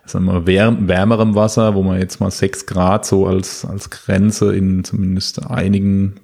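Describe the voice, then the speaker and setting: A man talking through medical findings in a casual expert discussion, halting with many fillers and restarts. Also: sits low, level tone, darkish tone. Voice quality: husky, gravelly. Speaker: medical podcast co-host.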